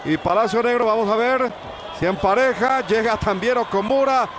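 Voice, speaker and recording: A man's voice: extremely high pitch, normal speed. A man with a Mexican accent calling a lucha libre match move by move as a television commentator. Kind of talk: live sports commentary. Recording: noisy arena with crowd behind.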